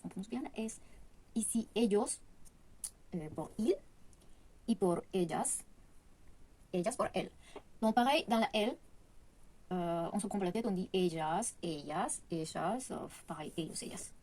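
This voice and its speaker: A woman's voice: mid-range voice, expressive, moderate pace, pauses often, a little mellow. Hesitant woman. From Latin America. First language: Spanish. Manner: hesitant, many fillers and self-corrections. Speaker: language teacher. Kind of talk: casual online lesson.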